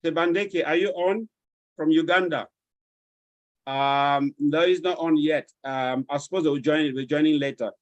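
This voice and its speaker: A courteous Nigerian man calls the roll on an online webinar over a video call. His voice sits a little high, and the sound is dry and close with no room echo. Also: moderate pace, muffled recording. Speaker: webinar moderator.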